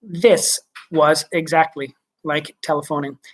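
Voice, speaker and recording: A man's voice: a little high, fairly even intonation, a little slow, low-quality recording. Man reading a storybook to kids. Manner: chatty asides explaining words to students. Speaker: teacher. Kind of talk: reading a children's book aloud.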